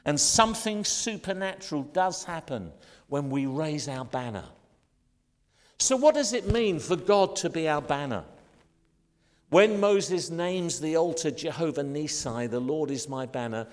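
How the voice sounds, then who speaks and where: Older British pastor, emphatic sermon delivery with slowed stresses; long church-hall reverb. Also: male voice, fairly high pitch, animated. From Britain. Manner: emphatic preaching cadence, slowing to stress key phrases.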